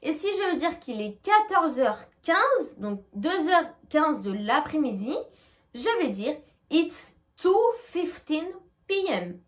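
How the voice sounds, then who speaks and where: A woman teaching a lesson, patient and clear, slowly modeling English pronunciation. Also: sits high, very animated. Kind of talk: explanatory lesson.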